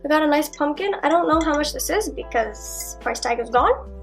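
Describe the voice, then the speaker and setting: A young woman with a high, bright-sounding pitch talks through her purchases in a loose, enthusiastic vlog style. She strings thoughts together with fillers and tangents. Faint music sits low behind her voice. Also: animated, normal speed. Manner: chatty and enthusiastic, with frequent fillers and asides. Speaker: vlogger. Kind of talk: casual haul video chat. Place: her apartment, indoors.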